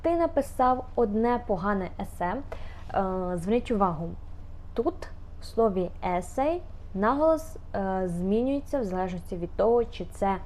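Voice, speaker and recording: Young female language teacher, warm mellow tone, careful and repetitive delivery. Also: medium pitch, expressive, a little hiss or hum. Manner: slow, careful, repeats phrases, hesitant fillers. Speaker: English teacher. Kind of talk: explaining English phrases.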